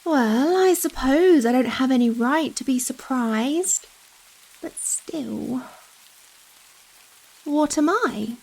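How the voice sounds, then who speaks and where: Amid steady rain, a female ASMR actor voices a giant vampire woman in a high, lingering tone that turns creaky and exaggerated, captured in a rough recording. She's teasing and controlling, slowly toying with someone tiny in an intimate roleplay, coy and coddling, gentle yet possessive, and full of pet names.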